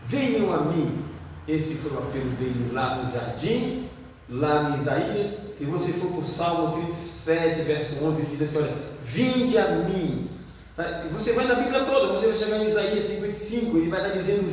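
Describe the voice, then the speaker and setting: A man's voice: a little high, animated, fairly quick, darkish tone. A man, an evangelist preaching a sermon in a church, who keeps asking the congregation questions. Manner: asks the congregation questions again and again. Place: church hall. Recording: echoey hall, distant mic, faint noise.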